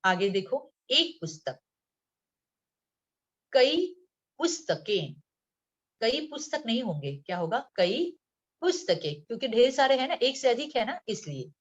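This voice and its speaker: A woman teacher from Mumbai giving a slow, patient lesson to young children, reading words one by one and often checking in with the class. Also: on the high side, sing-song. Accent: Mumbai Hindi. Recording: dull lo-fi sound.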